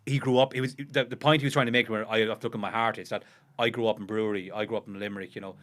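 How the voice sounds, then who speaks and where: With a fairly bright voice on the low side and fairly even intonation, an Irish co-host of a history podcast, a man under 50, chats in casual conversation. He talks fast but haltingly, restarting often and leaning on fillers like "you know."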